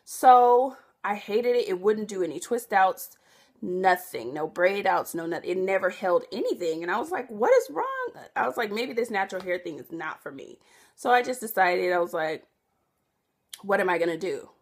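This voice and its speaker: A young woman vlogging in a casual, rambling way, often correcting herself and filling pauses with "um.". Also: mid-range voice, expressive. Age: young adult. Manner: rambling, self-correcting, chatty with many fillers. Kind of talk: casual chat to camera.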